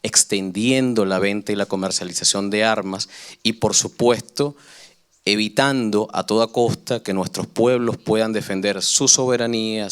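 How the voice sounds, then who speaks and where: A man with a Venezuelan Spanish accent gives an earnest floor statement at a panel discussion in a conference hall. His voice sits fairly low and sounds smooth and resonant. He delivers long, flowing sentences in an oratorical way. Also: a bit bright. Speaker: audience member, peace activist.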